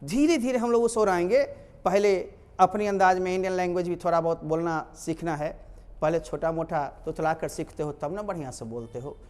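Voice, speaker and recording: A man teaching a spoken English lesson online, energetic and emphatic as he drills pronunciation out loud. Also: high voice, moderate pace, clean tone, big-room sound.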